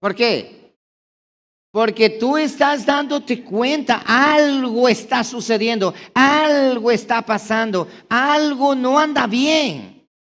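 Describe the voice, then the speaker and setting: A man's voice: very high voice, slow, fairly bright tone. A man pastor giving a sermon, talking straight to his congregation with repeated rhetorical questions and insistent repetition. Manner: addresses the congregation directly.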